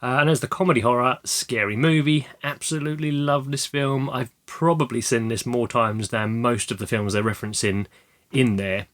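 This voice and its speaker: A young man talking casually about his film collection, rambling with many ums and restarts, his throat slightly croaky. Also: medium pitch, steady tone, moderate pace, a bit bright. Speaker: video creator showing a film haul. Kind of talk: casual chat.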